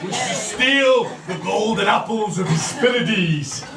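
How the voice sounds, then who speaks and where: A man playing a camp, bawdy Roman wine god, telling stories in a shrill pantomime dame manner with theatrical mock-lecturing and crude asides. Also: unhurried, music in the background. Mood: excitable, bawdy. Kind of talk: live comic pantomime monologue. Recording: echoey, distant live stage recording, noisy audience. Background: loud laughing audience.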